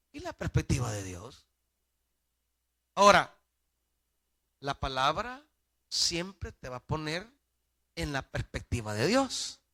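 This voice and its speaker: Emphatic Salvadoran pastor preaching slowly. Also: male voice, on the high side. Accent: Salvadoran Spanish. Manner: emphatic preaching with sudden loud peaks and soft drops. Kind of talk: sermon.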